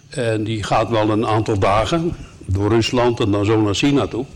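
A man's voice: medium pitch, a little mellow, slightly rough. Earnest man preaching a sermon. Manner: earnest, emphatic, with asides to the listeners.

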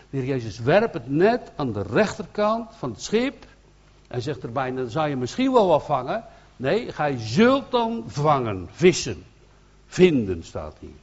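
Dutch-accented man, preacher, sermon, earnest and emphatic, husky, middle pitch, muffled lo-fi sound. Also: darkish tone. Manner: earnest, repetitive restarts, rising to emphatic bursts. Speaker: evangelist preacher.

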